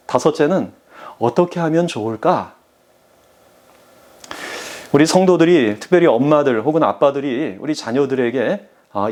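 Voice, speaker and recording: Man, pastor, sermon, earnest, slightly higher voice, talks to the congregation. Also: darkish tone. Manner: earnest, addresses the congregation directly.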